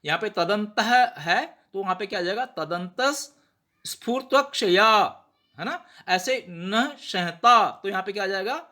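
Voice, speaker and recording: Bright high-voiced man teaching pronunciation. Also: expressive. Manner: patient, repeats words slowly and asks rhetorical checks. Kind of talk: explanatory lesson.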